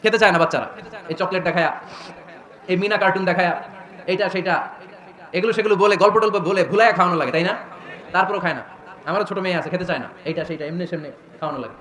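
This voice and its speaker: A middle-aged man preaching a lively waz sermon, acting out voices and quizzing the crowd. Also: fast, pauses often, echoey room. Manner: animated storytelling, asks the crowd questions; acts out quoted voices in a louder, higher pitch.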